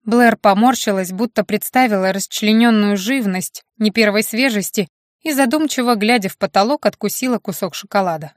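A woman's voice: medium pitch, moderate pace, no echo, clean studio sound. A woman reading a fantasy novel aloud in a first-person audiobook narration.

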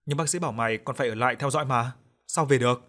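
A man voicing a young woman, a blunt and talkative best friend who scolds briskly. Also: medium pitch, a bit bright, lightly acted.

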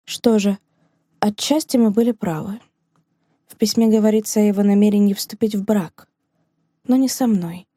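A woman reading an audiobook, voicing a heartbroken woman teacher who speaks in a hushed, trembling but firm manner. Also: medium pitch, steady tone, moderate pace, long pauses, no room sound, studio quality, natural voice. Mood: sorrowful, resolute.

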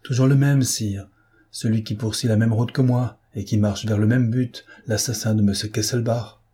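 A man voicing a proud, defiant gentleman thief in an audiobook, mocking and self-assured. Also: lowish voice, steady tone, moderate pace, husky. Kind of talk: audiobook character reading.

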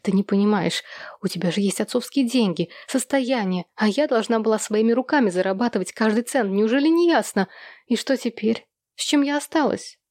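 Woman voicing a shrill, self-pitying prim woman. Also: expressive, brisk, a little mellow, no room sound, studio quality, close to an everyday voice. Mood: pleading. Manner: shrill, sobbing complaints. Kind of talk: audiobook reading.

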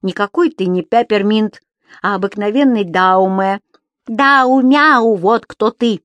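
A woman voicing a cheeky, indignant little male magic creature who shouts and teases in a high, squeaky voice. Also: steady tone, measured pace, dry recording, natural voice. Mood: indignant shouting. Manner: shouting, squeaky, singsong teasing.

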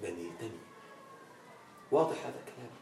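A man teaching an Arabic grammar lesson in a classroom, quizzing his students with questions and stretching out words slowly for emphasis. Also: fairly low pitch, animated, creaky, mellow, slight background noise. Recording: echoey room, from far off.

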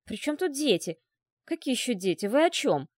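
A woman voicing a furious shrill schemer. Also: very animated, moderate pace, no room sound, clean studio sound. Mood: indignant. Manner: shrill, shouting. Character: furious scheming young woman, sharp-tongued.

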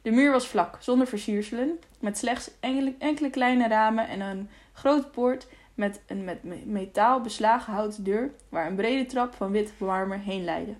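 A woman's voice: fairly high pitch, moderate pace. Woman narrating an audiobook. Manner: steady, clear storytelling.

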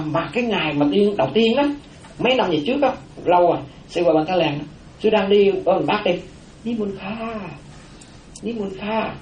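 High-pitched yet darkish in tone, this man is a Buddhist monk delivering a dharma talk. He repeats key phrases and uses rhetorical questions to check in with his audience. A little hiss or hum sits under a roomy echo with faint ambience.

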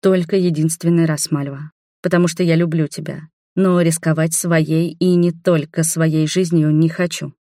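A woman's voice: deep voice, level tone, normal speed, dark tone, no room sound, clean studio sound. A woman voicing a proud, loyal female palace servant who speaks bluntly and formally, in an audiobook. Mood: guarded.

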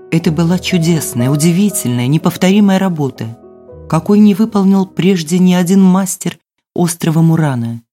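A woman narrating a storybook tale in a measured, expressive reading. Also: low voice. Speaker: audiobook narrator.

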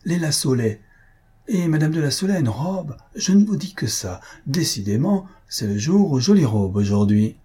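Man doing a breezy, evasive young husband, dark husky voice, storybook. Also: medium pitch, lively intonation, moderate pace. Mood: cheerful. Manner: lightly defensive.

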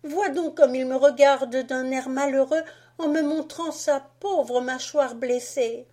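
A woman voicing a tender little girl in a storybook, crying out in a high voice. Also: steady tone, slow, dark tone. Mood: pleading.

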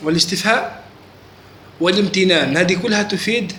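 A man's voice: sits high, fast talker, a bit bright. A man giving a classroom religious lesson, often stopping to ask students if they follow. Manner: keeps checking students understand, asks questions. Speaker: religious teacher. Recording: echoey room with faint noise.

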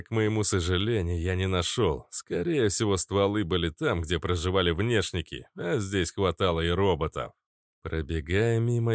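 Low-voiced man narrating an audiobook. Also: dry recording, clean studio sound. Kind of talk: first-person audiobook narration.

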